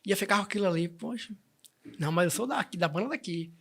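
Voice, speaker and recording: Man telling his story, voice on the high side. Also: quick pace, breathy edge. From Salvador, Bahia, Brazil. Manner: warm storytelling with many restarts and tags like "né?". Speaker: guest, band president. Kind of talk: casual interview chat.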